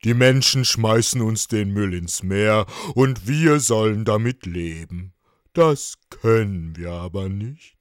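A man voicing a wise old male octopus in a children's audio story, lecturing loudly. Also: fairly low pitch, takes it slowly, dry recording, clean studio sound. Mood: grave. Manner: loud, lecturing.

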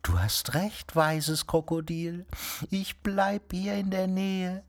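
Fields: Figure: young small snake, gentle and kind, played by a woman. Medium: children's audio story. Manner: soft, reassuring. Pace: unhurried. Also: fairly low pitch, vocal fry.

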